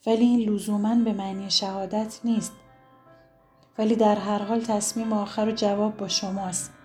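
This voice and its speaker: A woman voicing an earnest young man in an audiobook who speaks haltingly and stammers. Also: medium pitch, little pitch movement, dark tone, soft background music, close to an everyday voice. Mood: hesitant.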